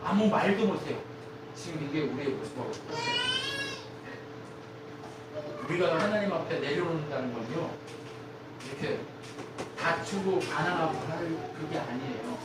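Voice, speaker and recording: Lively preacher in a very echoey church. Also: moderate pace, long pauses. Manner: asks the congregation constant rhetorical questions; swings between loud emphatic peaks and hushed low lines. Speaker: pastor. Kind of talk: sermon. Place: church sanctuary. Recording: very echoey hall, mic far off, steady ambient noise.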